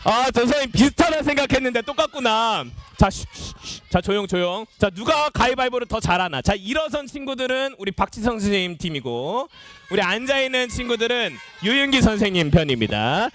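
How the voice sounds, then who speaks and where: Bright, high-pitched young man leading kids' games. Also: brisk. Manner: playful, energetic, calls out to a room of kids. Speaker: junior pastor leading a children's service. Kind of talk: lively quiz game with children. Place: church education hall.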